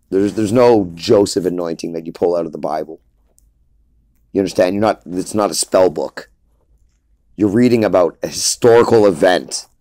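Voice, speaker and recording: A man preaches in a casual, emphatic, lecturing manner, hammering home his points through repetition. His voice sits low. The recording is dry and close, with no room sound. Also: a little mellow, dry recording. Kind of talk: informal preaching monologue.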